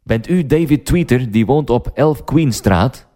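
A man's voice: medium pitch, animated, a little slow, dark tone, pitched above the performer's own voice, close to an everyday voice. A man voicing an unknown woman on the telephone who urgently commands.

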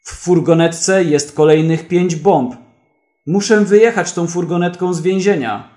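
A man voicing a brash male prisoner who shouts out loud, excited accusations in a read-aloud story. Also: sits high, a little slow. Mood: shouting.

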